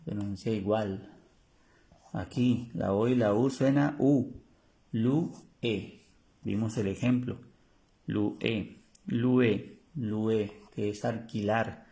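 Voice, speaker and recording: Slow gravelly man drilling French sounds. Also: on the low side, dark tone. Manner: slow, repetitive drilling of pronunciations. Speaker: French teacher. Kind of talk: online language class.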